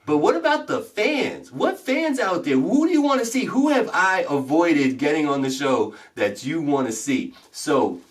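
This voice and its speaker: A man's voice: a little high, very animated, moderate pace, hardly any pauses, recorded from a distance. Hyped male show host, off mic. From Puerto Rican family. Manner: hyped, shout-outs, talks to viewers. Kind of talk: casual interview. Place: studio in Beacon, New York.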